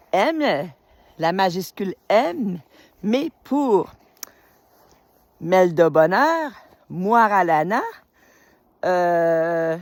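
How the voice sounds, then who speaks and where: Recorded on a phone outdoors on a winter road, a woman in her fifties from New Brunswick, Canada, a retired teacher and spiritual group leader, casually welcomes her followers. Her voice is mid-range with no room sound, and she rambles warmly and enthusiastically, full of fillers.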